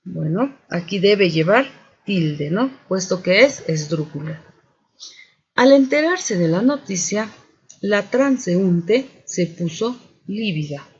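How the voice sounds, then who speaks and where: Guy teacher going over spelling drills real slow, husky voice, kinda muffled lo-fi audio. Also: high-pitched, lively intonation. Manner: methodical, repeats "continuamos" and "muy bien". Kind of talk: spelling and accent lesson for students. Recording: dull lo-fi sound.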